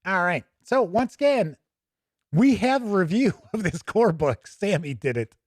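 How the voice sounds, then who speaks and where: In clean studio sound with no room noise, a man with a high, expressive voice speaks at an unhurried pace. As host of a tabletop gaming news and review show, he chats informally with livestream viewers while paging through a game book, musing out loud.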